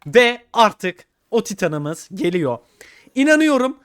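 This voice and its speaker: Young man yelling over a game. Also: high-pitched, very animated, takes it slowly, no room sound, clean studio sound. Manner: pleading and shouting at the game, swinging from mutters to yells. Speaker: gaming YouTuber. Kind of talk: excited gameplay commentary.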